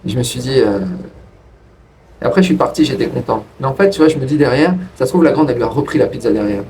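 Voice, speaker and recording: A man casually telling a personal story to his viewers in a rambling way, with frequent restarts. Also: quick pace. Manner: rambling, restarts, lively pitch jumps. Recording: distant from the mic with faint ambient noise.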